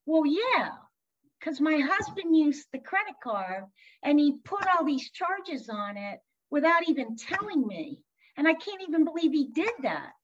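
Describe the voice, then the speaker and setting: A woman's voice: high-pitched, animated, normal speed, lo-fi sound, voice pushed up. Woman quoting an upset woman friend. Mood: indignant. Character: anxious, then angry woman friend.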